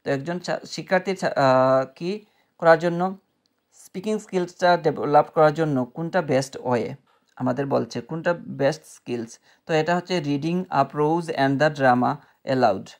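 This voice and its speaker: A man going through exam questions one at a time, reading each slowly and then explaining and repeating the answer. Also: a little high. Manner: repeats key answers, checks in with "okay?". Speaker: exam prep teacher.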